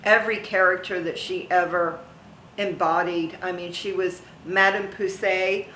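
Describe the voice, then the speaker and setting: A woman's voice: lowish voice, steady tone, measured pace, reverberant, very noisy. A middle-aged woman being interviewed as a guest, reminiscing casually and gushing with praise, laughing often. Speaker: interview guest, theme park haunt performer.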